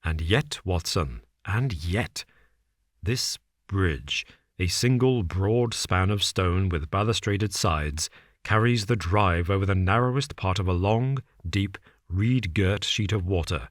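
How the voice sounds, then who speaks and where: A man reads a cool, shrewd detective, dropping his voice a little below his own low register and laying out facts slowly and deliberately with a dry, understated edge. The mood is measured, and the recording is close and dry with no room sound.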